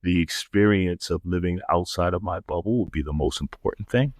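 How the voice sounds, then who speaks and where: A middle-aged man, chatting casually as a podcast guest, relaxed, with many fillers and restarts. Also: low-pitched, brisk, no echo, studio quality. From New York (the Bronx). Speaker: podcast guest, marketing agency founder. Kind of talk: casual interview chat.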